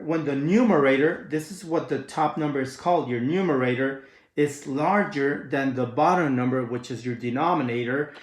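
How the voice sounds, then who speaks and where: Casual math teacher in an echoey room. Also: male voice, a little high. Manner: talks students through steps with questions and answers; casual, addresses viewers as guys. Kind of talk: recorded math lesson.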